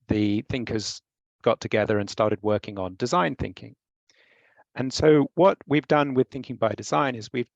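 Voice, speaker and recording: A man who heads a company, explaining a training method in measured way during a panel discussion over what sounds like an online call. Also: mid-range voice, creaky, no echo. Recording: dry, dull lo-fi sound.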